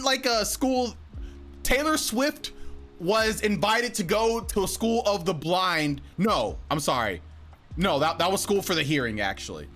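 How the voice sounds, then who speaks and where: A man's voice: a little high, fairly bright tone. A young man streaming from home and chatting casually with viewers, teasing them and laughing often. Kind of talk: casual chat reading viewer messages.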